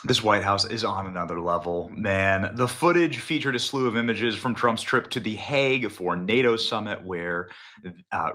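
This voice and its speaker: Low-voiced man doing excited commentary. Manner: excitable, chuckling, emphatic. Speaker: political commentary host. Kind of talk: casual political commentary on clips.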